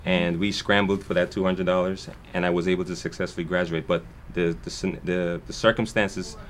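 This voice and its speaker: On a TV interview, a foundation founder originally from Guyana speaks with a low, flat delivery at a moderate pace, with slight hiss or hum audible. His earnest answers run on in lengthy, meandering sentences, and he frequently starts over.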